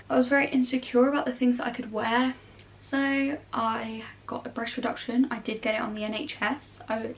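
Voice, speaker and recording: A woman's voice: on the high side, gravelly, slight background noise. A young woman with a southern English accent chats informally in a casual Q&A vlog, often saying "like" and "obviously". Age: young adult. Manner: chatty, informal, frequent "like" and "obviously". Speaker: vlogger answering viewer questions. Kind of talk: casual Q&A chat to camera.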